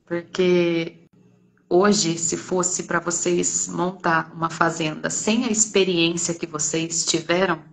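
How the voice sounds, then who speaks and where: Brief: Brazilian woman, church testimony, earnest storyteller, slightly gravelly voice. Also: on the low side, fairly even intonation, takes it slowly. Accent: Brazilian Portuguese.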